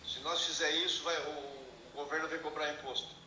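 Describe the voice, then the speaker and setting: A man's voice: a little high, steady tone, moderate pace, reverberant, crowd noise, poor audio. A man in an online meeting, speaking plainly and matter-of-factly. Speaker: meeting participant.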